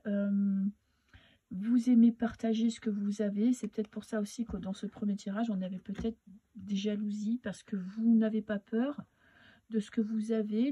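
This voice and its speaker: A woman giving a casual tarot reading in a halting, advising way, her voice weak and husky from swollen tonsils. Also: on the high side, warm tone, rough recording. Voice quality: husky, not very powerful. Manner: hesitant, halting, advising listener directly. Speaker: tarot reader and medium.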